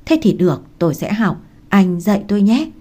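A woman's voice: medium pitch, big pitch swings, fairly quick, warm tone. A woman reading a shy young village woman. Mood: eager. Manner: hesitant, self-doubting.

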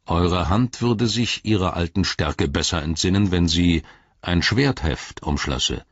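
A man gives voice to an old wizard with a low, husky tone and dry delivery. He speaks with stern authority. The recording is dull and lo-fi. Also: measured pace, dry recording. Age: older. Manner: stern, urging.

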